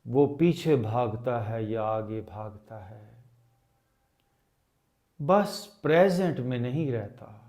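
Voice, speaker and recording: Guiding a meditation, a teacher speaks in a calm, unhurried manner, with long pauses between his words. His voice is medium in pitch.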